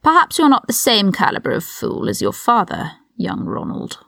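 A woman's voice: fairly high pitch, huge pitch swings, normal speed, vocal fry, sharp tone, no echo, studio quality, voice pushed up, heavily acted. A woman voicing a cold, sneering aristocratic older man who speaks in a hissing whisper, in a whispered role-play from a read-aloud story. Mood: bitter. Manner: condescending, cutting.

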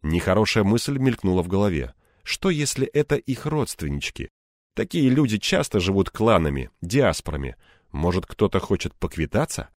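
A man narrating an audiobook in the first person, with wry and ironic asides. His pitch moves in a lively way, and the recording is dry and close to the mic. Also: normal speed, dry recording.

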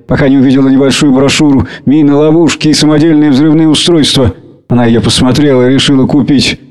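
A man reading a story aloud in steady, even storytelling narration. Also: mid-range voice, rough recording.

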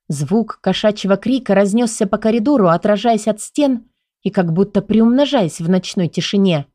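Woman audiobook narrator, mid-pitched, playful first-person storytelling, dry close sound. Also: normal speed, dark tone, dry recording.

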